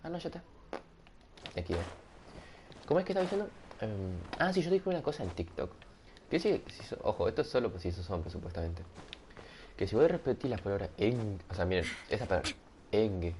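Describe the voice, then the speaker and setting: A man's voice: fairly low pitch, sing-song, fast, pauses often, a little mellow, a little hiss or hum. A young man with a Rioplatense accent, rambling and joking with his viewers over a headset mic. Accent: Rioplatense Spanish. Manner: rambling, joking, laughs at himself. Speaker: streamer. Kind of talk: casual gaming livestream chat. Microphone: headset microphone.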